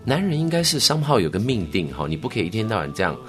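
Middle-aged taiwanese guy, low voice, earnest and animated, telling his life story in an interview. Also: very fast, faint music behind. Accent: Taiwanese Mandarin. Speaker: worship musician, interview guest.

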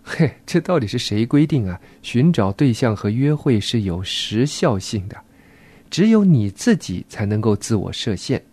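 Relaxed male radio host, mellow tone. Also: mid-range voice, moderate pace. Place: radio studio.

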